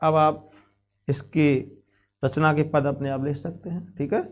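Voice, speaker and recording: A man with a high-pitched voice teaches a classroom geometry lesson. He explains each construction step by step and repeats key phrases for his students. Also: steady tone, measured pace. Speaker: math teacher.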